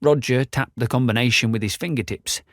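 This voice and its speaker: A man narrating a fantasy audiobook in a measured, descriptive reading. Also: medium pitch, a bit bright, dry recording, clean studio sound. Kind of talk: scripted narration.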